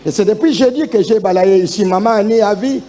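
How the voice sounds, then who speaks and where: A man, preaching emphatically in short phrases and rising to shouted exhortations. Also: sits high, a little fast. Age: 60s. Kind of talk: sermon with interpreter.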